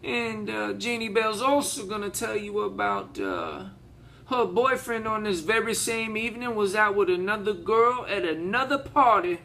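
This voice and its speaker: A male actor performs a Southern courtroom lawyer with a honeyed, theatrical drawl. The voice sits strikingly high for a man and has a bright, forceful edge. Phrases get deliberately repeated to press the case on judge and jury. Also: lively intonation, a little hiss or hum, full character voice. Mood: persuasive. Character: folksy, impassioned Southern male defense lawyer addressing a jury. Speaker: auditioning actor. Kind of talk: audition monologue, courtroom speech.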